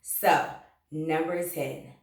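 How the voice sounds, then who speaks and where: Woman giving a slow heartfelt health talk, echoey room. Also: deep voice, steady tone. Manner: slow, earnest, faith-filled. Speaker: health educator.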